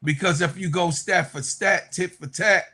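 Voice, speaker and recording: A man's voice: high-pitched, normal speed, bright, forceful tone, husky. A man co-hosting a podcast, arguing heatedly about basketball with emphatic, repetitive, preachy points. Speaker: podcast co-host. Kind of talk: heated sports debate.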